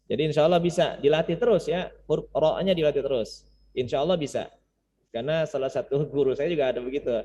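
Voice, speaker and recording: A man with a slightly high, mellow voice speaks quickly while informally teaching Quran recitation in an online Zoom class. He explains words and syllables and repeats them in chanted demonstrations. The audio is muffled and reverberant.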